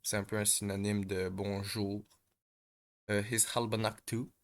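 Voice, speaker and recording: A man talks through his practice exercises at an unhurried, drawn-out pace. His voice sits a bit low, and he stops often to search for words, filling the gaps with hesitations. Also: level tone. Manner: hesitant, many pauses and fillers. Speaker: language learner explaining exercises. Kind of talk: casual step-by-step explanation.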